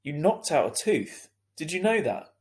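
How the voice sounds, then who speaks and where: A man playing an earnest, lenient school head in a children's story, reasoning in a measured, hesitant way. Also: fairly high pitch, sing-song, a little mellow, pitched above the performer's own voice. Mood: stern concern.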